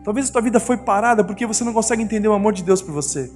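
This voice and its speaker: Fast-talking and high-pitched with a slightly mellow quality, a middle-aged pastor with a Brazilian Portuguese accent recounts family stories from the pulpit, voicing his wife and children himself. It's recorded in a church hall with long reverb and music.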